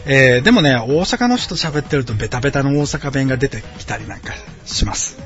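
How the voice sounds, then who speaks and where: A man's voice: medium pitch, animated, a little fast. A man in his late thirties from Osaka, hosting his own podcast in a friendly, rambling way with many hesitant fillers. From Osaka, Japan. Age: late 30s. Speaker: podcast host. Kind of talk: casual solo podcast chat. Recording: dull lo-fi sound with faint background music. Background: quiet background music.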